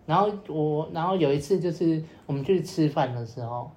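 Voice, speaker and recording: A man's voice: fairly high pitch, brisk, darkish tone. A young man, casually telling a long story on a podcast, rambling with repeated fillers and acting out what people said. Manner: rambling, many repeated fillers, acts out quoted lines. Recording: roomy echo with faint noise.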